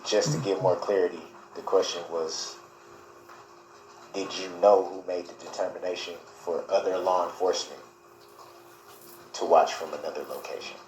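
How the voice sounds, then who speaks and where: A man questioning a witness in a courtroom cross examination, speaking formally and haltingly. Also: low-pitched, fairly even intonation, darkish tone. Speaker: defendant questioning a witness as his own lawyer. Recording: echoey courtroom with faint noise.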